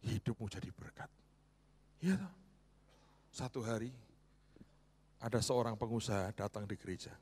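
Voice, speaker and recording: A man with a low, slightly husky voice delivers a sermon. He tells stories with dramatic swings, sinking to near-whispers and then leaping to high, emphatic exclamations. He keeps turning to the congregation to address them directly. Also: animated, moderate pace, pauses often, a little mellow. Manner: often addresses listeners as brothers and sisters. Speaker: preacher and spiritual mentor.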